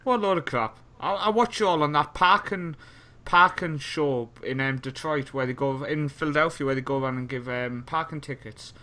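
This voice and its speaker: A man's voice: a little high, moderate pace, pushed and bright. A young man from Europe co-hosting a casual podcast chat, joking and rambling, laughing often. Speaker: podcast co-host.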